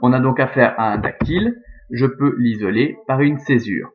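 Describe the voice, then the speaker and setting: A man's voice: medium pitch, moderate pace. A male teacher talks through a recorded lesson on Latin verse, patient and methodical as he takes each step in turn. His voice sits in an ordinary middle register. The recording is dull and lo-fi. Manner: methodical, explains step by step with fillers like "hein" and "euh". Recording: dull, lo-fi sound.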